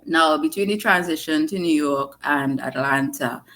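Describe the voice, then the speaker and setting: Low-voiced Trinidadian woman guest. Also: moderate pace, a bit bright. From Trinidad and Tobago. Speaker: guest, digital marketer. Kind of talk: casual interview chat.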